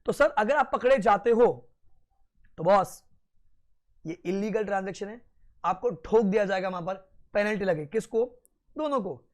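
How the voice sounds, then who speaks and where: A young man giving an animated law lecture in a mix of Hindi and English with an Indian accent, slowing down to dictate notes and then rushing through asides. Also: high voice.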